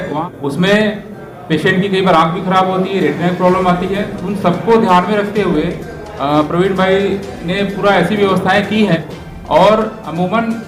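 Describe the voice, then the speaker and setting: Echoey high-voiced doctor explaining. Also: male voice. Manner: explanatory, mixes English terms. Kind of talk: press conference statement.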